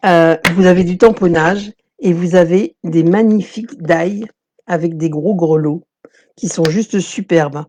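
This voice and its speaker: A woman's voice: fairly low pitch, a little slow, darkish tone. A woman hosting a live craft tutorial, chatting casually with viewers and full of fillers and restarts as she explains her project. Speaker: crafting demonstrator.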